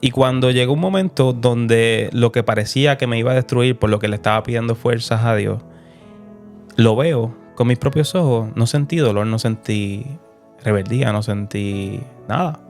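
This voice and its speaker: A man's voice: medium pitch, normal speed, darkish tone, soft background music. A young man, a guest, earnestly telling his personal faith testimony with emotional repetitions. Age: young adult.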